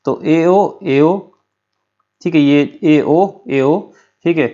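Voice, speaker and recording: A man's voice: fairly high pitch, drawn-out words, dark tone, lo-fi sound. A man teaching a lesson for an exam, explaining step by step with a memory story and often checking in with his listeners.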